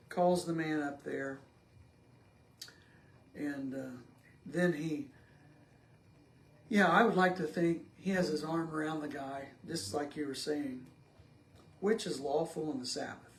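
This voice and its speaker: A man with a fairly high voice talks slowly through a casual Bible study, pausing often and filling the gaps with ums. His voice rings in an echoey church room over a faint hiss. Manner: slow and halting, many ums.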